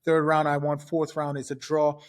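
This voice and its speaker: A man in his fifties from Trinidad, a podcast guest telling his past in a casual, lively way, step by step. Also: fairly high pitch, moderate pace. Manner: lively, recounts events step by step. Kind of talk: casual storytelling.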